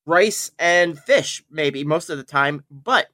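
Casual podcast host from around altoona pa, rambly and animated, trips on words, super dry close sound. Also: mid-range voice, slow, dry recording. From Altoona, Pennsylvania area. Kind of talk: casual review chat.

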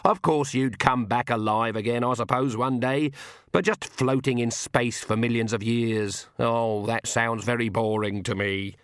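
A man voicing a stern, sharp-tongued elderly witch who talks in blunt rural speech. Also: medium pitch, steady tone, a little slow, dry recording, studio quality, close to an everyday voice.

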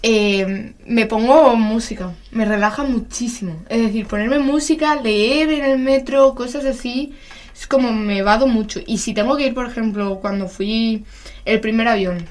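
A woman's voice: a little high, moderate pace. A young woman co-hosting a podcast, chatting casually with many fillers and frequent laughs. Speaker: podcast co-host. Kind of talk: casual chat.

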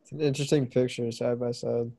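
A man's voice: medium pitch, little pitch movement, quick pace, creaky, warm tone. A young man who is a guest on a podcast, chatting casually and asking lots of questions. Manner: easygoing, asks lots of questions. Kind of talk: casual chat.

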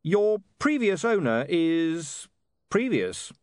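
A man's voice: a little high, sing-song, takes it slowly, a little mellow, smooth, dry recording, voice pushed up. A man voicing a dry-witted young man who speaks in an understated way. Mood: wry.

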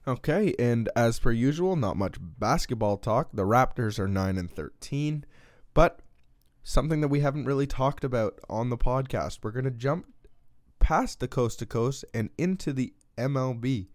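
A man's voice: mid-range voice, lively intonation, moderate pace, darkish tone, dry recording, clean studio sound. A young man hosting a casual sports podcast, laid-back, laughing often and passing topics to his co-hosts. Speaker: podcast host.

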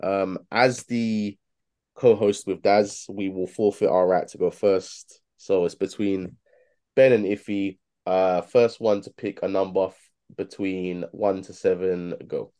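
Man, podcast co-host, lowish voice, casual slang. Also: fairly even intonation, measured pace, mellow.

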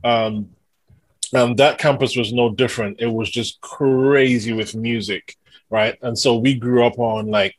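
A London-born singer-songwriter chats casually as a podcast guest, enthusiastic and effusive, laughing easily. His medium-pitched voice is fairly even in intonation and a little slow, with no room sound, though the recording is low quality.

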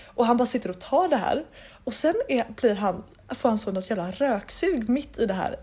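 A woman's voice: a little high, expressive, dark tone, slightly rough. A woman from Sweden living in Paris, co-hosting a podcast and telling stories in casual chat, with lots of fillers and restarts. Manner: rambling storyteller, many fillers and restarts. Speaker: podcast co-host.

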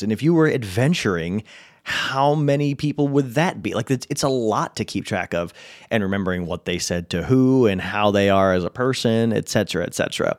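A man's voice: medium pitch, dry recording, clean studio sound. A man with an American accent hosting a podcast, giving casual advice to game masters, laid-back with frequent chuckles and restarts.

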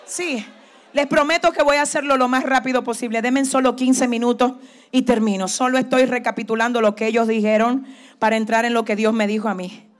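A high-pitched woman pastor delivering a fervent sermon. She moves from shouted exhortations down to quiet, intimate lines and back again. She keeps calling on the congregation to repeat her words and to turn to their neighbors. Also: steady tone, brisk. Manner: fervent preaching, swings from shouting to hushed tones; leads the congregation with call-and-response commands.

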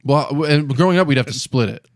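A man's voice: mid-range voice, quick pace, dry recording. A man co-hosting a podcast in casual chat, frat-bro style, peppered with dude and bro. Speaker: podcast co-host.

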